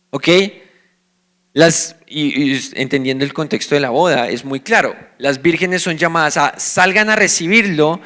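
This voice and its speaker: Preaching with a Colombian accent, a male pastor teaches from scripture, asking his listeners questions and then supplying the answers. His mid-range voice sounds pushed, bright and clean.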